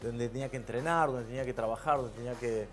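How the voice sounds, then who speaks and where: A man's voice: mid-range voice, quick pace, faint music behind. A man from Argentina with a mixed Argentine and Spanish accent, chatting frankly and casually as a talk show guest. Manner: relaxed, frank, laughs at himself. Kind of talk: casual chat.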